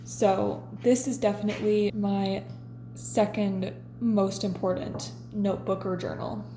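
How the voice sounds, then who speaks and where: A woman in her twenties, chatting casually as a vlogger and reading her own diary entries aloud in a relaxed, confessional way. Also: mid-range voice, a little slow, roomy sound, a little hiss or hum. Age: 20s. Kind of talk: casual chat.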